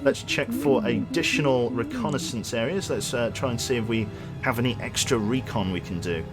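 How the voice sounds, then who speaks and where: Over background music, a male streamer gives excitable gameplay commentary at a moderate pace, swearing casually. His medium-pitched voice is wearing out and turning a little hoarse.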